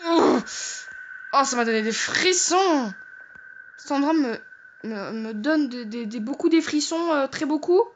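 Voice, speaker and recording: A young woman commenting as she plays a horror game, jokey and frightened, swearing and shouting when startled. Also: high-pitched, animated, unhurried, dull audio, slight background noise. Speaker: gamer.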